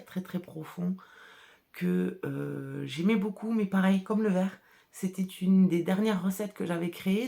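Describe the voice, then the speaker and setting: Woman, regional French accent, chatty, laughs a lot, slightly gravelly voice. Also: on the low side. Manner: chatty and warm about her craft, laughs often. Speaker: hand-dyer and shop owner hosting a podcast. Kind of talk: casual chat.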